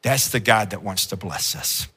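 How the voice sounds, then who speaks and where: Guy preaching, bright forceful voice, goes big then drops real low. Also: lively intonation, moderate pace, slightly rough. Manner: dynamic preaching, swinging from loud emphatic calls to low quiet asides, humorous. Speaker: pastor. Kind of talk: sermon.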